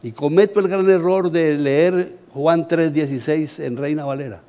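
A middle-aged Colombian man, a pastor, preaching a sermon as an animated, humorous story. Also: on the high side, moderate pace. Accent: Colombian Spanish.

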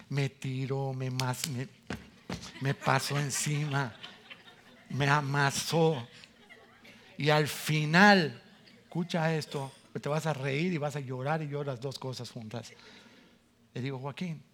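A man giving his testimony in a sermon, telling it with animated storytelling, self-mocking jokes and questions to the congregation. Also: medium pitch. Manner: jokes and laughs at himself.

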